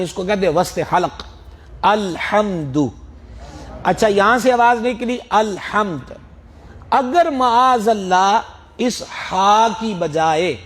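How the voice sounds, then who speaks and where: High-voiced Pakistani preacher with lilt. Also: male voice. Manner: explanatory, drawn-out demonstrations of Arabic sounds, rising emphatic questions. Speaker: Islamic preacher teaching prayer pronunciation. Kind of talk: religious lecture.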